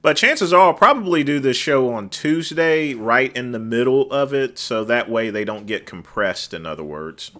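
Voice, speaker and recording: This livestream host speaks expressively at medium pitch and a moderate pace with few pauses, addressing viewers' comments casually through a desk microphone. His loud, bright, forceful voice cuts through easily. He rambles on fillers, his phrases dropping off into a mutter at the end.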